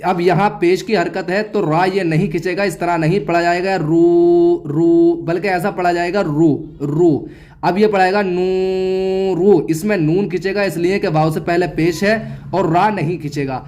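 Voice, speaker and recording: Man, high voice, reading lesson, slow sounded-out syllables, quick explanations. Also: steady tone, a little mellow. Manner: drills letter sounds slowly, explains rules fast. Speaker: Quran reading teacher.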